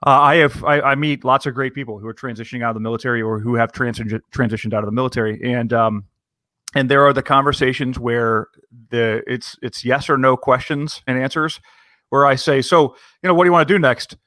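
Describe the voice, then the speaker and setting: A man's voice: mid-range voice, fairly even intonation, a little fast, pushed and bright, no room sound, clean studio sound. A man co-hosting a podcast who works as a recruiter, speaking earnestly with frequent restarts and repeated words. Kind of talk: casual podcast conversation.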